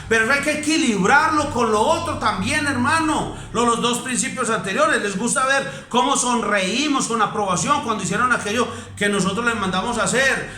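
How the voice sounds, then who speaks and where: High, bright Colombian man preaching. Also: reverberant, slight background noise. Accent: Colombian Spanish. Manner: conversational, emphatic preaching with rhetorical questions. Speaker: pastor. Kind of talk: sermon. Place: church.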